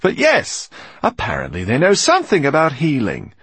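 Man doing a loud, barking brute captain. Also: fairly high pitch, huge pitch swings, normal speed, husky, dry recording, pitched above the performer's own voice, exaggerated voice. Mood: mocking. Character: gruff male captain, loud and bullying.

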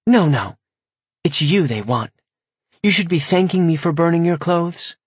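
Man doing a teasing succubus, high, giggly, purring, audiobook. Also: lively intonation, a little slow, husky, dry recording.

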